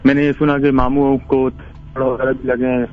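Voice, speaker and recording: A man's voice: mid-range voice, completely flat delivery, moderate pace, faint music behind. A man calling in to tell a ghost story in a rambling, casual way, with many restarts. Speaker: caller. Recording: tinny phone line.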